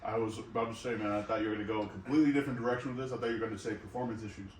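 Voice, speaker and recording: A man with a lowish voice chats quickly and informally, full of slangy banter. The recording is echoey, as if he sits a little way from the mic. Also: steady tone. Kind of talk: casual chat. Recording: roomy, distant mic, faint background noise.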